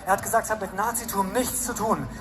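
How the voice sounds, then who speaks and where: A man interpreting a speech at an outdoor rally phrase by phrase, in a brisk, paraphrasing delivery. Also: high voice, steady tone, music in the background. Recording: crowd and street noise at outdoor rally.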